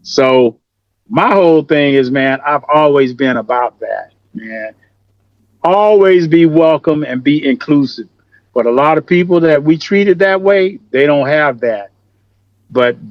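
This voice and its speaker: A man heard over a video call tells his stories in an emphatic, plain-spoken way. His voice sits slightly high. The call line is muffled and dry. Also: dry recording. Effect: remote video call audio. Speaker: musician guest. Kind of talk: casual interview storytelling. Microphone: computer mic on a video call.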